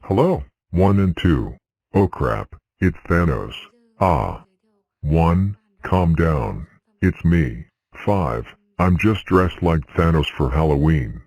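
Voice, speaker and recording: A man voicing a deep-voiced cartoon number character in a fan cartoon, speaking in a slow, lively sing-song way. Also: heavily acted. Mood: cheerful.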